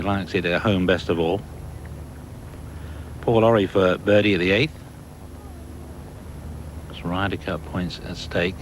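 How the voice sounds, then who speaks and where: A man giving live golf commentary as a broadcast commentator. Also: deep voice. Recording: noisy outdoor broadcast ambience. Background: outdoor course ambience.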